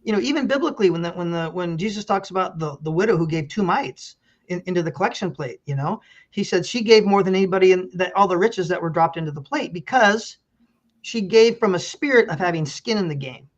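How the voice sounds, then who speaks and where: He's a middle-aged man serving as a pastor and county official, and in this interview he recounts stories earnestly, restarting again and again. His high voice moves with lively intonation at a brisk pace, though the audio is muffled and dull.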